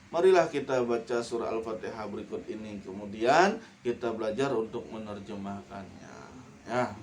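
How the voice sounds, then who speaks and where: A man teaching a Quran lesson, reciting verses in a slow, drawn-out chant and then quickly correcting pronunciation. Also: mid-range voice, darkish tone, slight background noise.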